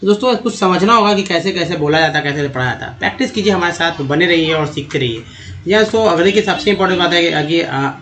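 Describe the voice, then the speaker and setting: A man teaching a slide-based language lesson as a voice-over, slowly spelling words out letter by letter and calling his viewers friends. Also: fairly high pitch, fairly bright tone. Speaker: English teacher.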